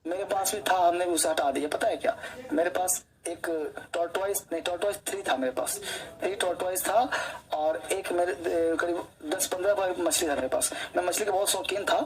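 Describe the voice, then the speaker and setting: A man's voice: high voice, steady tone, normal speed, poor audio. Chatty male teacher quizzing his class. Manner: chatty, keeps quizzing students with questions; tells personal anecdotes while teaching. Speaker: English teacher. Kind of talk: online coaching class lecture.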